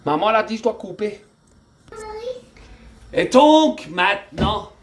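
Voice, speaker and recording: With an Alsatian accent, a woman hosts a comedic cooking video, joking and chatting straight to the viewer. Her voice is mid-range, with big pitch swings, and she keeps a measured pace.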